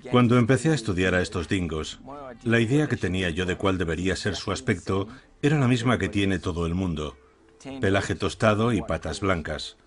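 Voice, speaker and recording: Deep male documentary expert voice. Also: moderate pace.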